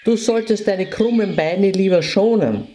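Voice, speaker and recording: A woman's voice: medium pitch, measured pace, mellow, pitched above the performer's own voice, natural voice. A woman voicing a proud, scornful male hare in a storybook reading, with a haughty, mocking manner.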